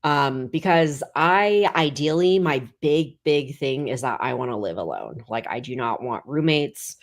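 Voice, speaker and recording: A woman's voice: extremely low pitch, animated, a little slow. A woman in her thirties, a guest comedian, chatting casually and rambling with lots of "like.". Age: 30s. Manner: rambling, heavy filler "like". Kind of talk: casual chat.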